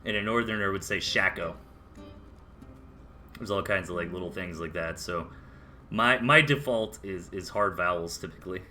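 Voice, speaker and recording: Over faint background music, a Southern US man with a low, bright, forceful voice talks a little fast as he casts a strategy game live. The esports caster mixes chatty play-by-play with casual asides.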